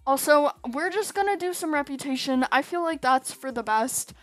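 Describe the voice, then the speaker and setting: Woman, high voice, gaming commentary, chatty, exasperated exclamations, desk mic. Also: expressive, moderate pace, no room sound. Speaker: gaming YouTuber. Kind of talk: casual gameplay commentary.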